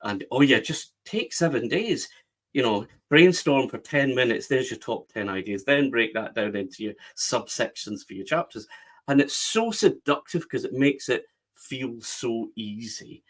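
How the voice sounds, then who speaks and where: Scottish guy on a podcast, middle pitch, emphatic, keeps repeating phrases to hammer a point. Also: animated, a little slow. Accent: West of Scotland. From Scotland. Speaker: guest, book strategist. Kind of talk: podcast interview.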